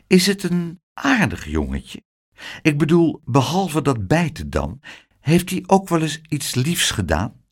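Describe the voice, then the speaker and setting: A sensible little cockroach in a children's story, answering calmly and plainly, as a man reading the book voices it. The voice stays low-key and quiet. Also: unhurried, husky, full character voice. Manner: calm, matter-of-fact advice. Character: calm wise house cockroach.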